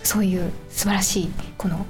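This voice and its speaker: A woman's voice: mid-range voice, fairly even intonation, normal speed, darkish tone. A woman guest, a coach, chatting in a polite, casual conversational style. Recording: music behind the voice.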